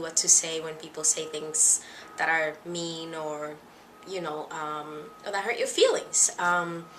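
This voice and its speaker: A young woman from the Dominican Republic talks to camera in a casual first vlog, pausing often with fillers and sounding a little nervous. Her voice sits a bit low yet has a bright, forward edge. Faint background noise is heard behind her. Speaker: vlogger.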